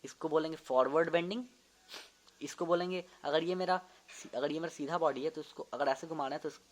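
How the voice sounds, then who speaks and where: Teaching anatomy in a casual way, a young medical student in early adulthood demonstrates movements and repeats terms often to make sure they're understood. His pitch is fairly high.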